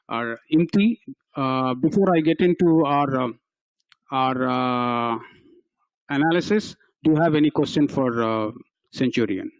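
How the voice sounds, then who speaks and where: A man's voice: mid-range voice, dry recording, muffled recording. A man hosting a casual radio sports talk show, who often stops and restarts his sentences.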